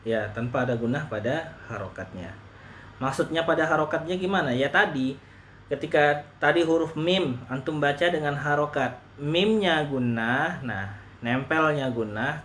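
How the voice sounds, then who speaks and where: A man teaching Quran recitation in a relaxed lesson, patiently repeating rules slowly and demonstrating letter sounds. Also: medium pitch, a little hiss or hum. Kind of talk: relaxed online tajwid lesson.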